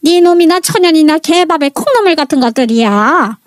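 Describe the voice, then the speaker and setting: A woman's voice: high voice, expressive, fairly quick, dry recording, clean studio sound. A woman voicing a furious elderly mother-in-law who scolds bluntly and bosses everyone around.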